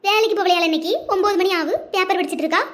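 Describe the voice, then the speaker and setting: Woman voicing a shrill bossy mother-in-law. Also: fairly even intonation, racing, fairly bright tone. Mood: scolding. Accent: Tirunelveli Tamil. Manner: scolding, bossy. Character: nagging older mother-in-law, bossy and scolding. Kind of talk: cartoon voice acting.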